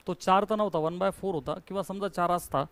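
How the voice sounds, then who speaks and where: A male physics teacher, lecturing a class and coaxing his students with quick questions. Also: high voice, fairly even intonation, fairly bright tone, smooth.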